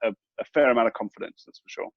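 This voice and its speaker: A man who works as a mortgage broker gives advice in a measured, hesitant way with many fillers. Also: mid-range voice, dry recording, narrow, tinny audio. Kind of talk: casual advice talk.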